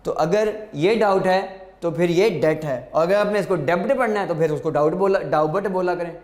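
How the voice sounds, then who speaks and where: A man teaching English vocabulary, slowly dictating words and meanings and repeating them for students. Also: high-pitched, a little mellow, echoey room. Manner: slow, deliberate, repeats words for students to note down.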